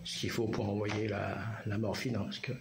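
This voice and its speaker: A tired man, worn out after surgery and anesthesia, chatting casually to camera in a rambling, halting way and repeating himself. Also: fairly low pitch, little pitch movement. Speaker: vlogger. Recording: echoey room, clear background noise.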